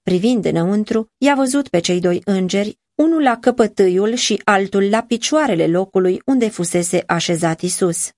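Female audiobook narrator, mid-pitch, measured and earnest, dry close-mic studio sound. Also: darkish tone, dry recording.

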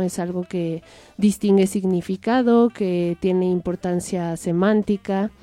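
A woman's voice: mid-range voice, no room sound. A woman hosting a radio interview, drawing out her guest with questions and short affirmations. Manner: warm, encouraging, reacts with short affirmations. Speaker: radio host.

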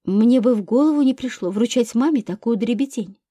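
A woman reading a grown son under police questioning, giving calm, measured answers in her own voice. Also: fairly high pitch, dry recording, studio quality, lightly acted. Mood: restrained.

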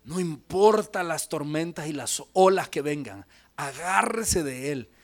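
A young pastor with a high-pitched voice delivers a sermon in an earnest, conversational way. He slips into personal storytelling and then builds to emphatic, repeated calls to prayer. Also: lively intonation, unhurried. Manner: earnest preaching with a personal anecdote, rising to emphatic exhortations.

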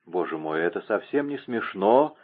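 Мужчина играет холодного насмешливого короля. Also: male voice, deep voice, lively intonation, normal speed, breathy edge. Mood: cold, mocking. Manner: cold, sarcastic. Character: cold, mocking young king. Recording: narrow phone-like lo-fi sound.

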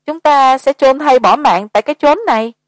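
A grown man in tears and full panic, wailing and desperate in an audiobook horror tale, voiced by a woman reader. The voice rides high and strained. The recording is close and dry. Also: moderate pace, dry recording, lightly acted. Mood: desperate sobbing. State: crying.

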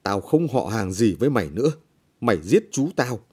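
A man's voice: on the low side, very animated, normal speed, breathy edge. A man voicing a bullying, greedy village official who talks down harshly and scornfully. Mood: menacing.

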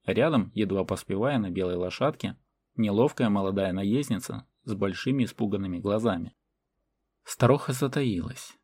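A man reading a fantasy novel as audiobook narration in a measured way. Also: lowish voice, a little mellow, breathy edge. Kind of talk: scripted narration.

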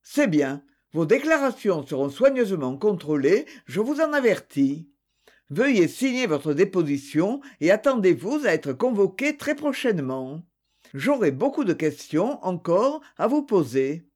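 A man's voice: sits high, very animated, a little slow, a little mellow, exaggerated voice. A man voicing a stern investigating judge who questions in curt, probing sentences. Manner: curt, interrogating.

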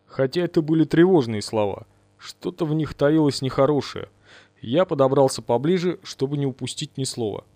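A man reading a first-person audiobook in measured, dramatic storytelling. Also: mid-range voice, mellow, dry recording. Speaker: audiobook reader.

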